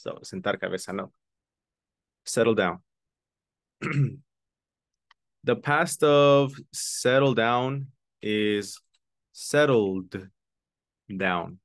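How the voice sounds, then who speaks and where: Over a video call webcam, a man with a lowish voice gives an online English lesson, moving between English and Spanish and saying key words slowly for his students. There's no echo.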